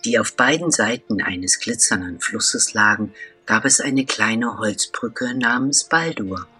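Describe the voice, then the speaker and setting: A man telling a children's story as scripted narration, slow and deliberate with dramatic pauses. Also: lowish voice, sharp tone, slightly rough.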